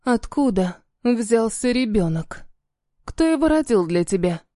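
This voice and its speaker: A woman's voice: fairly high pitch, expressive, unhurried, mellow, no room sound, studio quality. A woman voicing a frightened young wife who pleads in a trembling voice. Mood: pleading.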